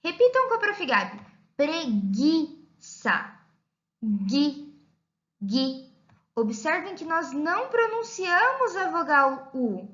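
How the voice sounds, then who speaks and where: A woman with a Brazilian Portuguese accent leads a recorded lesson for young children. Her voice is bright and sits high, and she drags out each phrase in a slow, sing-song teacher style. The audio sounds a little dull and lo-fi. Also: sing-song. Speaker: primary school teacher.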